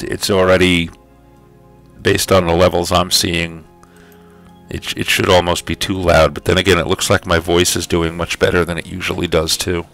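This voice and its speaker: A man with a low voice that has a bright, forceful edge chats casually on a livestream, full of fillers as he checks his audio with viewers. Faint music plays behind him. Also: vocal fry. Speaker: livestream host running a writing sprint.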